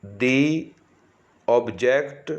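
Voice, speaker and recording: A man who works as a shorthand trainer gives slow school dictation, reading word by word with long pauses and saying punctuation marks aloud in a measured, deliberate way. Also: medium pitch, muffled recording.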